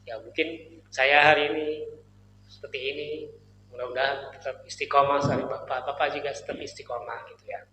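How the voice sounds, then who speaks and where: A man's voice: medium pitch, fairly even intonation, a little fast, sharp tone. A man preaching a sermon in a mosque, telling the story in a casual, joking way. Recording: echoey mosque hall with faint noise.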